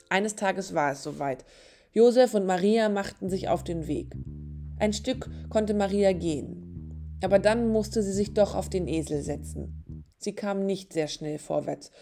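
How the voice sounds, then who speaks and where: Gentle woman narrating a storybook. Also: medium pitch.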